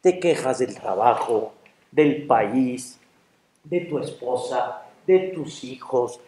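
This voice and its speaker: A man voicing a calm, unbending male angel of death in a sermon story, speaking low and slow. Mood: solemn. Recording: roomy echo.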